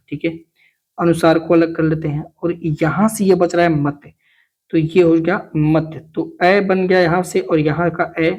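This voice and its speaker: Casual, chatty Hindi grammar teacher. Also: male voice, a little high, a little mellow. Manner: explains step by step, often checks in with students; voices students' replies. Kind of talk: exam coaching lesson.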